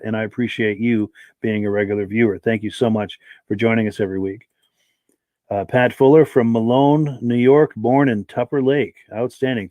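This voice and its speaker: A man's voice, mid-pitched and a bit mellow, comes through a dry recording as he hosts a live podcast. He's losing his voice and his throat is dry, but he keeps reading viewer comments from the chat and thanking everyone by name.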